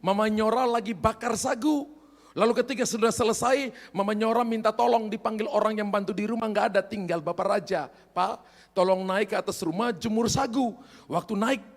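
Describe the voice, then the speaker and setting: A man delivers a storytelling sermon, his voice high and gravelly. He acts out his characters' lines as he goes. The sound carries a long reverb from a large hall. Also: brisk. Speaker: pastor.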